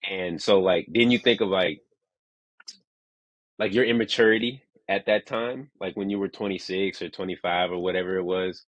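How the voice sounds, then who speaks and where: Husky, rambling man in his thirties. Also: deep voice, normal speed, fairly bright tone, dry recording, poor audio. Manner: rambling, heavy use of "like", restarts. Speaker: podcast co-host. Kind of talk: casual chat.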